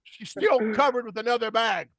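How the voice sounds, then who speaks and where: A man's voice: extremely high pitch, moderate pace, a loud crowd. An American-accented man telling casual stories and explaining slang in a jokey way, as a teacher in a class chat. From United States. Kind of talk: casual storytelling.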